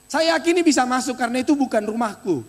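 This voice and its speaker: Male pastor, high voice, lively exhorting sermon, echoey church hall. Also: fast. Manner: animated, exhorting, addresses congregation directly.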